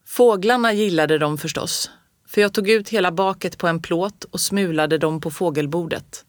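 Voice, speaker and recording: Calm woman reading a storybook. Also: lowish voice, dry recording, clean studio sound.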